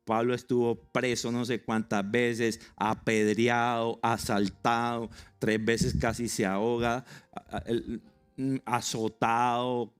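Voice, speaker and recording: A man with a Colombian accent, preaching a sermon in a lively, joking way and acting out stories. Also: medium pitch, takes it slowly, clear, resonant tone, soft background music. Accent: Colombian Spanish. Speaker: pastor.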